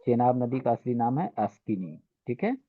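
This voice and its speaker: A man's voice: medium pitch, big pitch swings, normal speed, no room sound. A man teaching an exam-prep lesson, asking questions and answering them himself, with "ठीक है" after nearly every point. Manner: repeats "ठीक है" constantly, asks and answers own questions. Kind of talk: exam-prep lecture in Hindi with English terms. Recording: dry, phone-like narrow sound.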